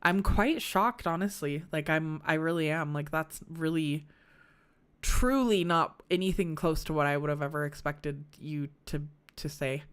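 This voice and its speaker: A woman's voice: sits low, measured pace, clear, resonant tone. A woman live-streaming a farming game, chatting casually with viewers and reading their messages aloud, sympathetic and swearing freely. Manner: talks to chat directly, reads messages aloud.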